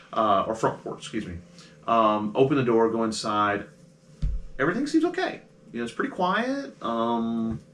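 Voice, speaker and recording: A man's voice: medium pitch, a bit bright. A man narrating a tabletop game as game master in a casual, chatty way with lots of fillers. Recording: roomy with faint noise.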